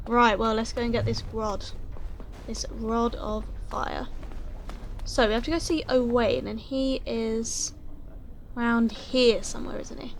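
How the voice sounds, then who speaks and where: A woman's voice: on the high side, steady tone, unhurried, slight background noise. A woman hosting a casual let's play, chatty and a little hesitant as she thinks aloud and reads choices. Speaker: gaming video host.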